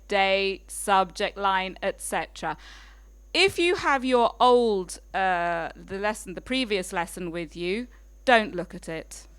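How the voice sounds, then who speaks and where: Woman teacher, chatty classroom instructions, smooth clear tone, dry. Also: medium pitch, a bit bright, dry recording. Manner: chatty, teasing, gives step-by-step instructions. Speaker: English teacher.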